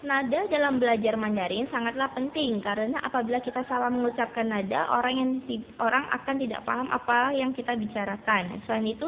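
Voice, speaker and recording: A woman teaching a beginner Mandarin lesson to students, patiently explaining and repeating drills slowly. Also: a little high. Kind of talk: recorded classroom lesson. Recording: tinny phone-like recording with faint noise.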